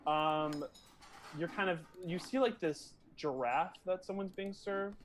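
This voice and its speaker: A man's voice: high voice, measured pace. A man running a tabletop game as game master, narrating loosely with many fillers.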